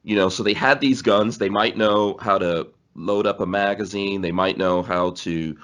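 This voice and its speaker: Fairly low in pitch and steady, with a slightly bright edge, this man talks at an ordinary speed. He's a podcast guest in his forties from Guyana, raised in NYC, whose casual storytelling drifts around, full of laughs and restarts.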